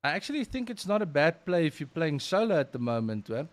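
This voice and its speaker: A man's voice: on the high side, sing-song, quick pace. A man with a South African accent commentating casually on a live game stream in informal, slangy language. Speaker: livestream host and game commentator.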